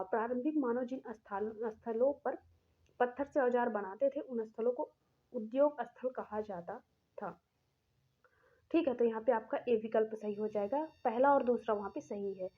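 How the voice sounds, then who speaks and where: A woman with a fairly high voice works through practice questions like a classroom teacher. She explains each answer step by step and talks straight to her students. The recording sounds thin and tinny, like a phone line. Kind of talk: exam-prep lesson.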